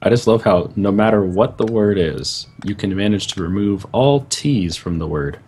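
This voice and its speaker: A man's voice: on the low side, normal speed, slight background noise. A man co-hosting a gaming chat, telling stories animatedly with frequent restarts. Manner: animated storytelling, stumbling restarts. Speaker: co-host of a gaming series.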